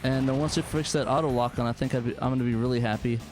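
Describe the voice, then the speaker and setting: A man hosts a casual game chat, talking informally and conversationally at a rapid-fire pace. His medium-pitched voice keeps fairly even intonation, with music playing behind it.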